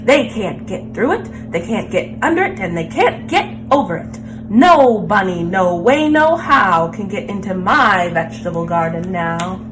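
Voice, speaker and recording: Boastful male gardener for a picture book, played by a woman. Stubborn, self-satisfied, emphatic, animated. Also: mid-range voice, measured pace, few pauses, over music, voice pushed down, close to an everyday voice, rough recording. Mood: smug.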